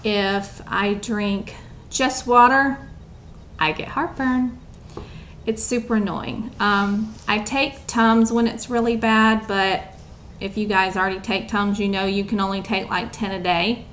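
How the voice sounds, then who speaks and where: A woman's voice: medium pitch, fairly even intonation, a little slow, fairly bright tone, a little hiss or hum. A young woman chatting casually to camera at home, rambling with lots of ums and a bit out of breath. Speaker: vlogger.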